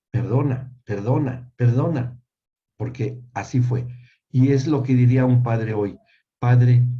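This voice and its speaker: A man's voice: mid-range voice, dark tone. An older man giving a church teaching talk on family, repeating key words for emphasis and checking that listeners agree. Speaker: family ministry speaker. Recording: dull lo-fi sound.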